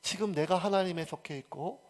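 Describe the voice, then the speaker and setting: A male pastor from South Korea, preaching a sermon that swings from loud emphasis to near-whispered asides. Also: sits high, fairly quick.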